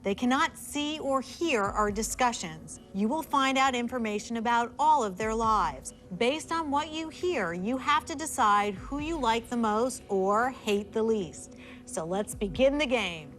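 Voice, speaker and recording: A woman hosting a game show, reading rules and turning to the panel in a brisk, directing way. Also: on the high side, animated, a bit bright.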